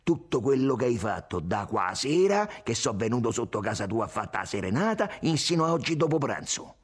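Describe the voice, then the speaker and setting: A man's voice: mid-range voice, sing-song, a little fast, slightly rough, pitched above the performer's own voice. Man voicing a jealous, menacing lover. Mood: angry, interrogating. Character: jealous, violent young Roman man, menacing. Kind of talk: audiobook character voice.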